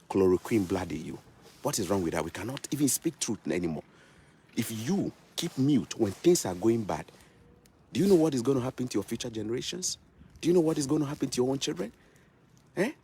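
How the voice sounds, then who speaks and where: A man's voice: medium pitch, darkish tone, breathy edge. A man in his thirties with a Ghanaian English accent, ranting to the camera in a vlog and firing off repeated rhetorical questions like a preacher. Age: 30s. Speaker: vlogger. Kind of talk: impassioned political rant to camera. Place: outdoors in snow.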